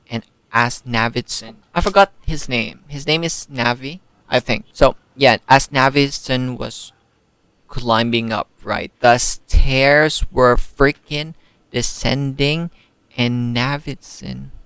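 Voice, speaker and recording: A young man giving a casual, excitable spoken book review, full of slang and rhetorical questions. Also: medium pitch, creaky, clear, resonant tone, dry recording. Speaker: book vlogger.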